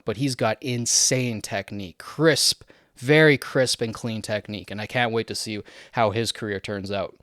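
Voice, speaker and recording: A young Canadian man talks through fight results in a loose, chatty way, chuckling often between points. His voice is smooth and clear, and the recording is dry and close with no room sound. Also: mid-range voice, a bit bright, no room sound. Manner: chatty, laughs often, many fillers. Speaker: MMA fight commentator. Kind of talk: casual fight breakdown.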